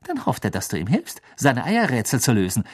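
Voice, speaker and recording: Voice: medium pitch, wildly swooping pitch, fairly quick. Ron, a sneering jealous schoolboy. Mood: jealous taunting. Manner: mocking, heated. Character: teenage boy wizard, jealous and sneering. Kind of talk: audiobook character voice.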